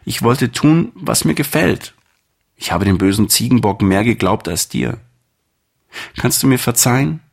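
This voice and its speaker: A man's voice: mid-range voice, animated, a little slow, gravelly, pitched above the performer's own voice. A man doing a bleating, sorry little lamb. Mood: remorseful, pleading. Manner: bleating, pleading and apologetic. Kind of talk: storybook reading.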